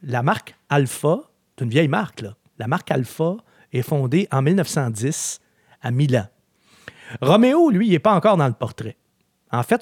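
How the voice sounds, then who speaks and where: A man's voice: mid-range voice, husky, dry recording. Male podcast host, chatty storyteller, dry close mic. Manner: chatty storyteller, animated, with frequent filler words. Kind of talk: casual podcast chat.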